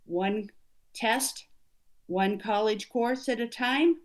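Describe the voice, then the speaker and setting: A woman's voice: fairly high pitch, slow pace. Earnest motivational woman coach. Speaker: executive coach guest. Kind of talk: conversational interview.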